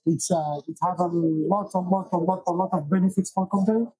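A man in his thirties from Belgium, a guest founder talking in a casual interview, halting with many restarts, on a lapel mic in a small room. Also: high voice, fairly even intonation, a little mellow, breathy edge, no room sound, rough recording. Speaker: guest, software engineer and founder. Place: small wood-paneled room, indoors.

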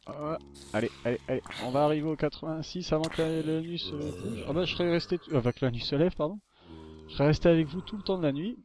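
Here a YouTuber narrates his gameplay casually, talking fast in a fairly high, slightly mellow voice as he rambles on and urges the on-screen creatures along. Some hiss or hum comes through his desktop microphone.

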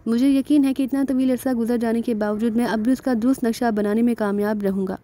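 A man's voice: very high voice, steady tone, fast, warm tone. A woman voicing a proud, obliging older man who explains things at length.

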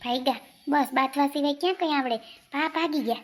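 A woman's voice: high voice, slight background noise, natural voice. A woman plays a fed-up village wife in a comedy sketch, scolding and nagging her husband. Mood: angry. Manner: scolding, nagging, rapid complaints. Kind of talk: comic village sketch acting.

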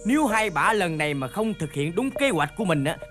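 A sly scheming buddy, high voice. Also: male voice, very animated, brisk. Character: scheming sly male friend, ba Càng. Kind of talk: stage comedy skit acting. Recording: loud backing music on stage.

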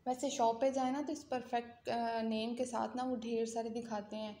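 A woman's voice: a little high, level tone, moderate pace, warm tone, a little hiss or hum. A young Pakistani woman with a Pakistani Urdu accent, chatting casually with viewers in a home vlog. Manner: chatty, talks straight to viewers. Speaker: vlogger. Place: home room. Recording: echoey room, faint ambience.

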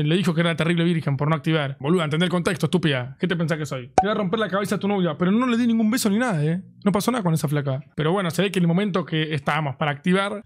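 A young man with a Rioplatense Argentine accent telling an animated, slang-heavy story to his stream chat. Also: sits high. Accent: Rioplatense Spanish. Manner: animated, slangy, mimics friends in raised voice.

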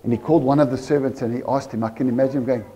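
Speaking rapid-fire in a medium pitch, a man with a South African accent preaches animatedly in church. His sermon at the service is full of rhetorical questions aimed at the congregation.

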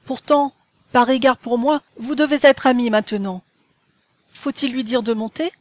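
A woman reading an excitable, breathless young lady. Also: on the high side, moderate pace, dry recording, lightly acted. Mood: eager. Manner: breathless, exclamatory.

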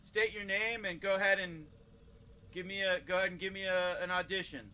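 This lo-fi, noisy cassette-tape clip has a man improvising comedic game acting as a casual casting director who stumbles and repeats himself. His voice is high, pushed and bright, with a steady tone and a brisk pace, and the mood is offhand and businesslike.

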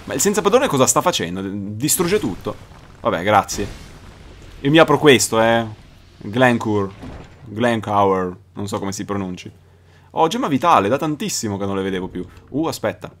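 A young man doing let's play commentary, excitable, swearing and shouting at the game. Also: on the low side, brisk, a little hiss or hum. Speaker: gaming YouTuber.

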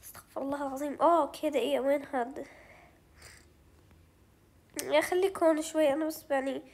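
Young woman, Levantine Arabic accent, high bright voice, let's-play chatter, squeals and thinks aloud. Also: steady tone, fast, vocal fry. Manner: chatty, thinks aloud, reacts with squeals and gasps, drops in English words. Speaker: gaming channel host.

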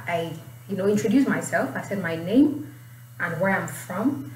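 An expressive young woman with a Nigerian accent teaches IELTS writing informally, her lowish voice a little mellow and her pace moderate as she explains and reads aloud. She's in a small indoor room; the distant mic sounds roomy with faint noise.

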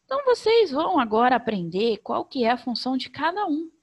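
Brazilian woman, teacher, remote lesson for small children, animated sing-song, over-articulated. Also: high-pitched, a little fast, breathy edge, dull audio. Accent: Brazilian Portuguese. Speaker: primary school teacher.

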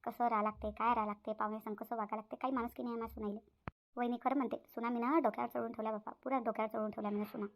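A woman's voice: a little high, level tone, very fast, slight background noise, close to an everyday voice. A woman voicing a bossy, resentful older mother-in-law in a cartoon. She grumbles and repeats her complaints. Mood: grumbling. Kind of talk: cartoon voice acting.

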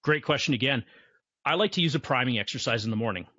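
A man's voice: mid-range voice, expressive, fast, sharp tone, dry recording. A man who is a guest in an interview, talking confidently about motivation and repeating his key phrases. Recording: dull, muffled lo-fi sound.

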